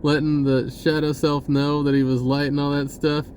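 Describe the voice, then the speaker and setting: On the high side and slightly mellow, his voice keeps a level tone at a moderate pace, with a bit of background noise. The speaker, an American vlogger offering spiritual self-help advice, rambles through unscripted personal stories, slangy and constantly breaking into his own sentences.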